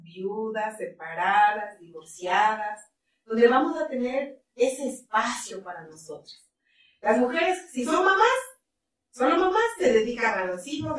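A middle-aged woman in ministry, telling stories animatedly in an interview and laughing often. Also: on the high side. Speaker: ministry leader. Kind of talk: interview conversation. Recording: roomy, distant mic, faint ambience.

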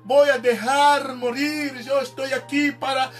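A man's voice: very high-pitched, little pitch movement, a little slow, far from the mic, soft background music, voice pushed up. Man playing an urgent, loving father. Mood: urgent reassuring. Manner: urgent, reassuring. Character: loving father urging his son, calm and firm.

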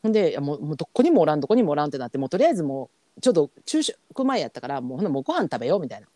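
A woman's voice: deep voice, very animated, racing, mellow, dry recording. A woman with a Kansai accent, co-hosting a casual podcast chat and telling a story animatedly, acting out what her family said. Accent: Kansai Japanese. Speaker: podcast co-host.

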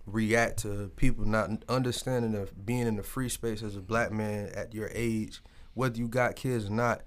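A man's voice: on the low side, moderate pace. A man telling personal stories in casual, candid conversation, colloquial and peppered with swearing. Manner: colloquial, sweary, animated storytelling.

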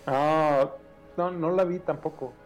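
A man from Mexico with a Mexican accent, a guest on a casual podcast, talking in a relaxed way and giving examples. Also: on the high side, slow pace, faint music behind. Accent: Mexican Spanish.

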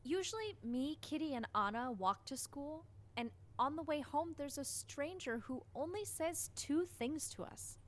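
A woman's voice: sits high, animated, a little slow, hardly any pauses, a little hiss or hum. A woman voicing a scared, defiant young boy. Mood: earnest. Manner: earnest, rises to frightened yelling.

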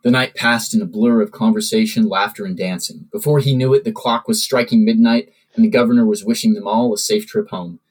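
A man, a podcast host, reading his own original fiction aloud in steady storytelling narration. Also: lowish voice, brisk, few pauses, slightly rough, rough recording.

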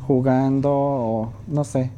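Male co-host, very dark, mellow voice, friendly questions. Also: medium pitch, fairly even intonation, slow pace, highs cut off, slight background noise. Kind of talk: casual chat.

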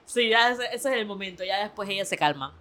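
Podcast host, woman, chatty storyteller, even mid pitch, casual delivery. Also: a little fast. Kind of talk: casual chat among friends.

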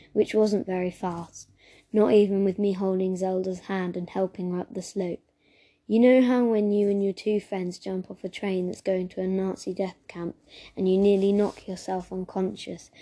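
Woman reading a story in a flat, breathy voice. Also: medium pitch. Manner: steady, even reading with small slips. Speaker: narrator. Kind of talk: storybook narration.

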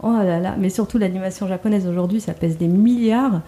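Laughing woman with a mellow voice. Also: mid-range voice, a little fast. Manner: animated storyteller, laughs often, many fillers and restarts. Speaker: guest. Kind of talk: conversational interview.

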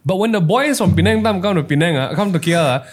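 Man, Malaysian accent, slightly high voice, casual banter, podcast co-host, colloquial English. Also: lively intonation, fast.

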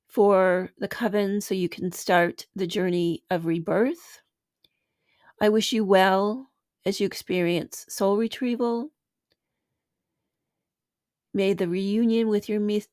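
A woman hosting a spiritual podcast, talking in a soft, unhurried, reflective way that now and then sinks toward a whisper. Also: mid-range voice, dry recording, studio quality. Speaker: podcast host and spiritual teacher. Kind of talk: slow reflective podcast talk.

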